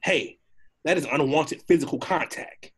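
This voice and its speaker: A man voicing a talking donkey, a nervous, pleading jabberer who stammers out comic protests in a husky voice. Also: fairly high pitch, unhurried, fairly bright tone. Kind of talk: comic animated-film character acting.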